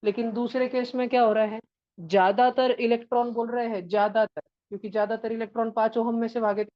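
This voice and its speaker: Female teacher, animated storyteller, even-toned delivery, dull close recording. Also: fairly high pitch, brisk. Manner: animated storyteller, mixes English terms into explanation. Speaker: science teacher. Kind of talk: classroom lecture with playful storytelling.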